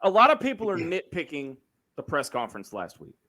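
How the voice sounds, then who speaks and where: A man's voice: on the high side, huge pitch swings, fairly quick, pushed and bright. A man hosting a casual sports talk show, speaking in an opinionated, emphatic way. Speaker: sports podcast host.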